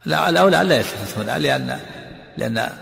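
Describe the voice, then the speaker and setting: A man's voice: medium pitch, wildly swooping pitch, very fast, vocal fry, a bit bright. A man teaching a lesson, explaining a text to his students in a patient lecturing manner and answering their questions briefly. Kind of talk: classroom lecture commentary. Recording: long reverb of a large hall.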